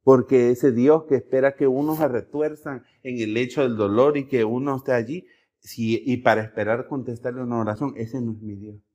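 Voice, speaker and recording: A male pastor preaching a sermon in a conversational way, often checking in with the congregation and telling lively stories. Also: medium pitch, moderate pace, muffled recording. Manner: conversational, keeps asking the congregation "¿verdad?"; animated storytelling with acted-out voices and jokes.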